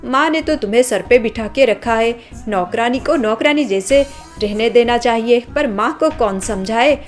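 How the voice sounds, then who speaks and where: A woman's voice: on the high side, close to an everyday voice. A woman voicing an arrogant, spoiled young woman from a rich family who scolds and sneers, in a storybook drama.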